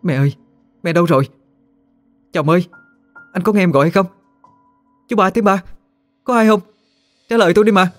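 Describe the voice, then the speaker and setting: A man's voice: animated, a little fast, pauses often, faint music behind. A man voicing a terrified young wife who sobs and pleads as she calls out for her family in a spooky story. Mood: sobbing, pleading. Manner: sobbing, pleading high calls.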